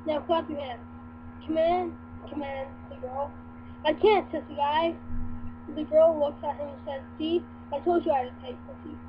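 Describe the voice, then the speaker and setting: A young woman reading dirty jokes aloud in a halting, giggly way, on a lo-fi home recording with hum. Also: high voice, fairly even intonation.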